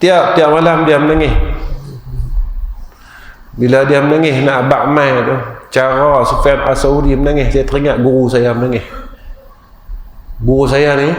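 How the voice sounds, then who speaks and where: A male preacher with a Kedah Malay accent gives a storytelling lecture in a mosque hall, frequently speaking straight to the audience. His voice is medium-pitched and steady, with a measured pace and frequent pauses. The recording carries the echo of the hall and faint ambience.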